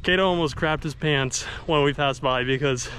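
A man's voice: a little high, moderate pace, fairly bright tone, slight background noise. A man casually vlogging outdoors while running with his dogs, chatty and upbeat. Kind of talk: casual vlog narration. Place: outdoors on runs and in a yard.

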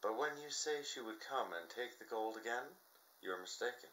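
A man's voice: medium pitch, expressive, moderate pace, a bit bright, pitched above the performer's own voice, close to an everyday voice, rough recording. A man reading a storybook and voicing a kind, wise old woman who explains a plan in a lilting way. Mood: reassuring.

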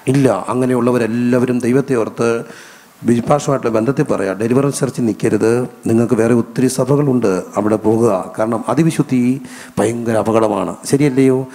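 Man, Malayali accent, pastor preaching, questions to the congregation, long hall reverb, middle pitch. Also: fairly even intonation, dark tone. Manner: asks the congregation questions and answers them himself, drawn-out emphatic phrases. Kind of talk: sermon with call-and-response questions. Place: church hall.

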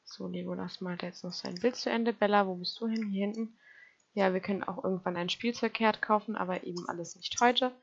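German-style let's play girl talking to her sims, a bit gravelly, dull lo-fi mic sound. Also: mid-range voice, fairly even intonation, a little fast, a little hiss or hum. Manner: chatty, talks to her game characters and viewers. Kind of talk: casual gameplay commentary.

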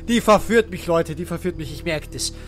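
Over soft background music, an Austrian-accented let's play host jokes and swears his way through gameplay, excitably yelping whenever he's scared. He speaks at a normal speed in a slightly high voice.

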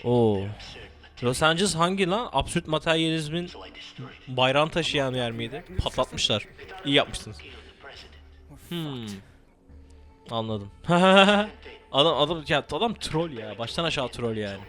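A man's voice: a little high, animated, measured pace, long pauses, fairly bright tone. A young man giving profane, joking running commentary while playing a shooter game. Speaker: gameplay commentator. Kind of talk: let's play commentary.

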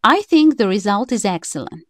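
A woman's voice: medium pitch, very animated, normal speed, dry recording. A woman reading a prepared script as the voice-over narrator of a DIY electronics tutorial, in plain, slightly stiff phrasing.

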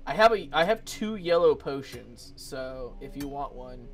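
A man's voice: medium pitch, animated, unhurried, faint music behind. A man trading casual, profane, teasing banter as a co-op gaming partner.

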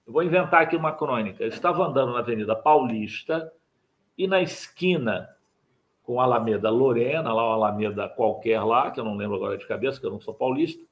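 Older man teaching in a didactic tone. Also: mid-range voice. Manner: didactic, repeats key points, asks viewers to like and subscribe. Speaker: writing teacher. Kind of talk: live online mini-lesson. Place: home study with bookshelves.

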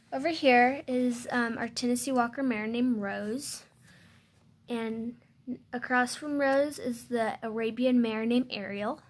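Speaking in a fairly high, unhurried voice, a young woman who runs a channel gives an unscripted show-and-tell tour of her toy barn and farm. She sounds hesitant, pausing often, saying um a lot and correcting herself. She films indoors on a handheld phone held close.

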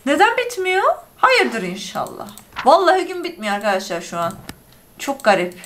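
A woman's voice: high-pitched, big pitch swings, normal speed, fairly bright tone, slight background noise. A woman hosting a gaming channel, chatting through a let's-play in a talkative, emotional way full of exclamations.

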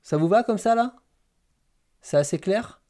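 A man's voice: high voice, lively intonation, measured pace, warm tone. A man hosting a casual livestream, rambling and thinking aloud with lots of fillers. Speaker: livestream host. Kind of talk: casual live chat with viewers.

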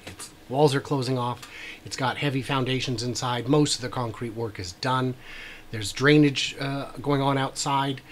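Recorded in a small room with a brick wall, this man in his forties narrates drone footage for YouTube in a chatty, dry-humored way, peppered with "uh" fillers. His voice is medium in pitch and steady in tone, at a normal speed over slight background noise.

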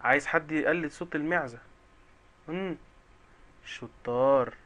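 A man's voice: fairly high pitch, measured pace, fairly bright tone. A man with an Egyptian Arabic accent teaching young children the alphabet, sounding out syllables one by one in a cheerful, coaxing way.

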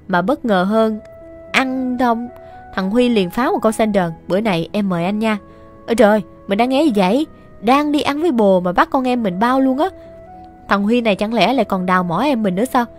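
Female radio storyteller; chatty, gossipy, exasperated, slightly high voice over faint music. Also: a little fast. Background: soft music.

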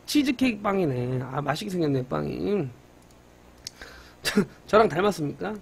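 A man's voice: high-pitched, breathy edge. A young man streaming a mobile game live, cheering on his upgrades and bantering playfully with chat viewers. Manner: excited, banters with viewers, mock-cursing.

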